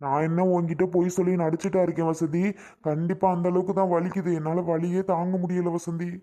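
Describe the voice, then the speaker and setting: A man's voice: high-pitched, level tone, fairly quick, warm tone, close to an everyday voice. A man doing a groaning sick husband. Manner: moaning, pleading. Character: groaning husband with stomach pain. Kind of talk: cartoon voice acting.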